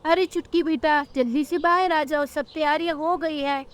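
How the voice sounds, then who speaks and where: A woman voicing a poor, gentle mother bird in a cartoon, speaking in a soothing, motherly way. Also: high-pitched, steady tone, normal speed, pitched above the performer's own voice, natural voice. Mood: tender.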